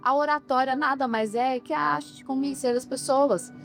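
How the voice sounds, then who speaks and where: In a podcast interview with faint music in the background, a woman who coaches public speaking talks at a moderate pace in a high, steady voice. She makes her points emphatically and frequently uses rhetorical questions.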